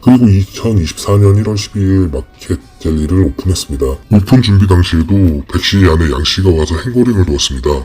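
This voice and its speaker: An anonymous interviewee whose voice is disguised with a deep pitch-shift effect, reading a formal, measured account with frequent hesitant fillers. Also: expressive, a little mellow, slightly rough. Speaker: anonymous fraud victim interviewee.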